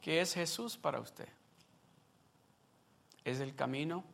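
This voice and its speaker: A man's voice: a little high, slow, vocal fry, fairly bright tone. A man preaching a Sunday sermon in a conversational way, often asking the congregation questions. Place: church service.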